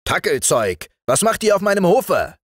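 A man's voice: high-pitched, sing-song, moderate pace, no echo, studio quality, pitched above the performer's own voice. A man voicing a stern forester in a storybook reading. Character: stern adult male forester.

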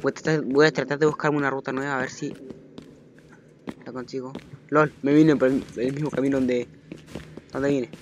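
A man's voice: medium pitch, little pitch movement. Jumpy man narrating a horror game. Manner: jumpy, panicky, repeats phrases rapidly when chased. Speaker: gaming channel host. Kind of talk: let's play commentary. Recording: noisy home recording.

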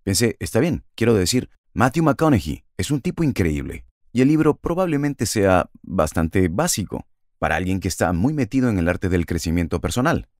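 Man in his forties, low voice, lively pitch, enthusiastic host, video call from a home office. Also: moderate pace, no room sound, studio quality. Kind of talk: interview hosting. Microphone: video call with earphones.

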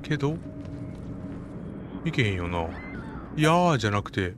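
A man's voice: medium pitch, big pitch swings, a little slow. A man with a Kansai accent talks his way through a horror game, muttering to himself and grumbling at the characters. His voice sits in an ordinary middle range. A faint background noise lies under the talk. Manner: mumbling running commentary, scolding the game character. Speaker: game streamer. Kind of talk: casual let's-play commentary.

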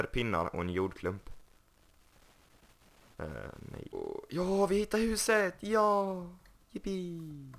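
A man's voice: sits low, bright, forceful tone. A young man casually commenting on his game, joking and mocking himself. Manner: joking, self-mocking, puts on silly voices. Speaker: gaming YouTuber. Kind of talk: casual Let's Play commentary.

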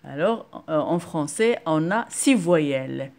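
Slow hesitant woman teaching. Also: low-pitched, animated, creaky. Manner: hesitant, many fillers, switching into Moroccan Arabic; drills syllables loudly and slowly. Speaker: primary school teacher. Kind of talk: slow spoken lesson for children.

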